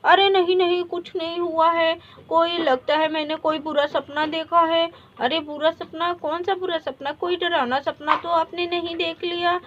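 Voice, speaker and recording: A woman voicing a dramatic, quick-tempered young village wife who wails and scolds. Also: extremely high pitch, level tone, muffled recording, a little hiss or hum. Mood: puzzled. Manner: wailing, scolding. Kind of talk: storybook voice acting.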